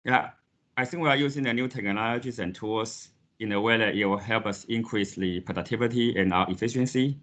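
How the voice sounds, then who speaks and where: A man's voice: lowish voice, brisk, a bit bright. A male panelist on a video call adding brief comments, his audio choppy and cutting out. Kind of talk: online panel discussion.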